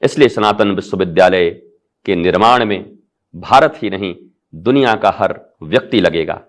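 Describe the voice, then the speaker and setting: A man's voice: sits low, moderate pace. A middle-aged man, a spiritual teacher, giving an impassioned devotional discourse full of rhetorical calls to his listeners. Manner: impassioned, rising to emphatic peaks then softening.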